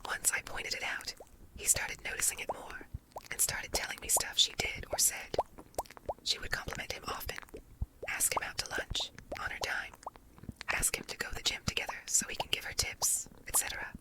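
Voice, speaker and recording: A woman reading a story aloud as ASMR in an unvoiced, breathy whisper, layered so that it sounds doubled, in measured phrases. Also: poor audio.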